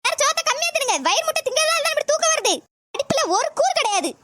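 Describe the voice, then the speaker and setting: Woman acting a shrill, nagging cartoon schoolteacher, southern Tamil accent. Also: animated, racing, heavy background noise. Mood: scolding. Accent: southern Tamil Nadu Tamil. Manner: nagging, exasperated. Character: stern, scolding female village school teacher. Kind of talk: comedy skit voice acting.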